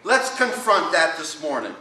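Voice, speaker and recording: A man's voice: fairly high pitch, big pitch swings, normal speed, sharp tone. A middle-aged man preaching a sermon in a folksy way, asking his congregation questions. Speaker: pastor. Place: church sanctuary. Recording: echoey church from a distance.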